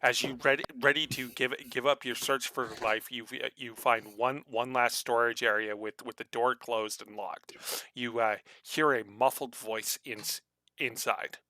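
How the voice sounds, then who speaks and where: A man narrating a tabletop role-playing game as game master, halting and stumbling, with many fillers and restarts. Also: mid-range voice, steady tone, background noise.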